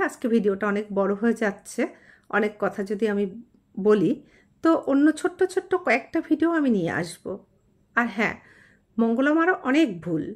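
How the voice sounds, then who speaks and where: A woman astrologer talks straight to her viewers in a commentary vlog. Her voice sits somewhat high, and her manner is earnest and admonishing as she addresses someone respectfully as mother. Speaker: astrologer and channel host.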